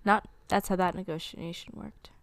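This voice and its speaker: Low-voiced young woman, candid and dry. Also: little pitch movement, moderate pace, dry recording. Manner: candid, swearing, fighting back tears. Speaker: podcast co-host. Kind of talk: casual chat.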